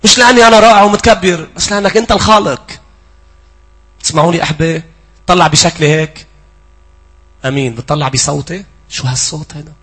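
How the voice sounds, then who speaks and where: A man with a Lebanese accent preaching a sermon, swinging between loud pleading and hushed asides. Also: a little high, fast, pauses often, breathy edge. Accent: Lebanese Arabic.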